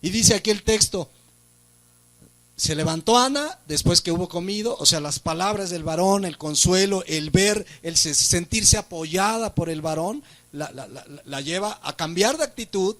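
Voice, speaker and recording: A man's voice: high voice, animated, moderate pace, a bit bright. A man with a Mexican Spanish accent preaching a church sermon as pastor, asking rhetorical questions and rising for emphasis.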